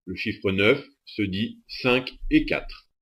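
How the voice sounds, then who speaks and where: Male instructor, scripted lesson narration, even methodical read. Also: fairly low pitch, slow pace. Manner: steady, methodical delivery.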